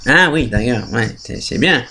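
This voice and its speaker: A man's voice: mid-range voice, expressive, slow, bright, forceful tone. A man in casual comic banter, playing the sidekick who feeds cues. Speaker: sidekick feeding cues in a comedy sketch. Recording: noticeable background noise.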